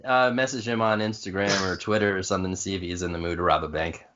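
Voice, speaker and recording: A man's voice: low voice, fairly even intonation, quick pace, fairly bright tone. A man co-hosting a casual podcast chat, laid-back and full of fillers, laughing often. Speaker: podcast co-host. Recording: slightly dull podcast audio.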